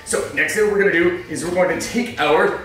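A man's voice: high voice, brisk, a bit bright. A man in a superhero costume hosting a joking cooking demonstration, chatting as he explains each step. He is recorded in a home kitchen by a far camera. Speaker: cosplay cooking host. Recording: echoey kitchen from far off, faint music.

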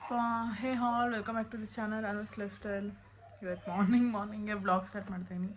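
Soft-spoken woman vlogging. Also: medium pitch, level tone, moderate pace. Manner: soft-spoken, chatty, mixes in English words. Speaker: vlogger and mother. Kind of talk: casual home vlog talk to camera. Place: home, indoors. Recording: loud background noise.

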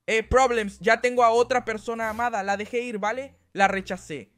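A man voicing a shy, sweet young man in a dubbed game cartoon, soft and bashful. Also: very high voice, fairly even intonation, moderate pace, no room sound, pitched above the performer's own voice. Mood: dismissive.

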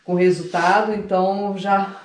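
A woman's voice: mid-range voice, flat delivery, normal speed. A woman talking casually to her viewers in a vlog, chatty and giggly as she shows off the result. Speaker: vlogger. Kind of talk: casual vlog talk to camera. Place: barbershop, then home. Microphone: phone camera held by others. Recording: echoey room, faint background noise.

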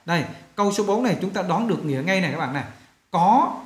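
Male teacher, patient lesson delivery, slightly high voice. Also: animated, echoey room. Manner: slows down to read sentences aloud, fills with "đó" and "à". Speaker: English teacher. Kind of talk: classroom lesson explaining sentence rewriting.

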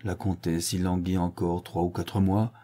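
A man reading a classic novel aloud as audiobook narration, measured and expressive. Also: deep voice. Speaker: audiobook reader. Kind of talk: scripted literary narration.

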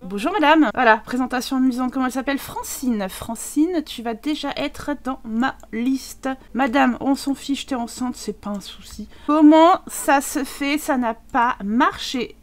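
A woman's voice: high voice, normal speed, hardly any pauses. A woman giving casual, joking commentary over a life-simulation game and talking to the characters. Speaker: gaming streamer.

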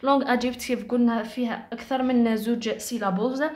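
A woman with an Algerian Arabic accent giving an exam revision lesson. She explains quickly with frequent hesitation sounds, then spells out the examples slowly. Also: fairly high pitch, steady tone. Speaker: teacher.

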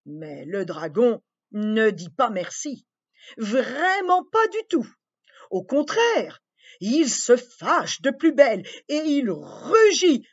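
A woman reads a children's story aloud, slow and gentle, addressing her young listeners. Her pitch swings widely and her voice is a little husky. The recording is dull and lo-fi. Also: wildly swooping pitch.

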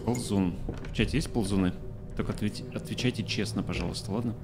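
A man's voice: on the low side, fast, over music. A man doing live commentary as a scared horror game streamer, joking and swearing in jumpy reactions. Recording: noisy stream with game ambience.

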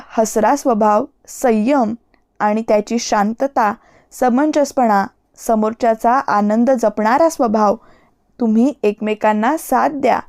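A woman voicing an affectionate older brother who gives his sister calm advice in an audiobook story. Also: on the high side.

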